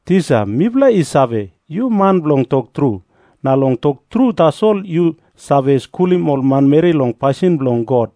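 A man with a Papua New Guinean accent playing a sly disciple flattering a teacher in a scripture drama. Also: a little high, normal speed, dry recording, clean studio sound.

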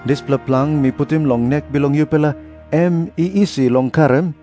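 A man with a Papua New Guinean accent playing an earnest prophet who preaches deliberately in a dramatised scripture reading. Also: fairly high pitch, mellow, faint music behind, close to an everyday voice. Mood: gentle invitation. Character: Jesus, earnest preaching prophet addressing crowds.

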